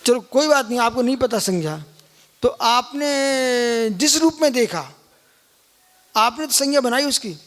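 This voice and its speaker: A man's voice: very high voice, animated, a little slow, a bit bright. A man, a Jain monk, giving a live scripture lecture and keep prodding listeners with questions. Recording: long hall reverb.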